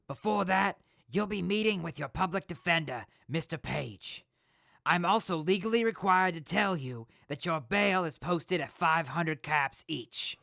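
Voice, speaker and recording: A woman's voice: lowish voice, lively intonation, unhurried, gravelly, fairly bright tone, dry recording, clean studio sound, exaggerated voice. A woman playing a wary, by-the-book but casual jail guard in an audio drama. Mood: matter-of-fact.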